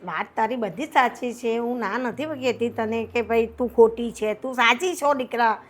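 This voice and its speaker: An actress playing an older mother who gently coaxes her married daughter. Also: on the high side, normal speed, lightly acted. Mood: coaxing. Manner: soothing, coaxing. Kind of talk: short film acting. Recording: faint background music. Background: faint music.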